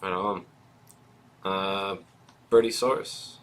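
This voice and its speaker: Low-ish guy running a tabletop game, easygoing recap voice, kinda bright and crisp. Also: fairly even intonation, extremely slow. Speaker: dungeon master. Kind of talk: running a tabletop game over video call.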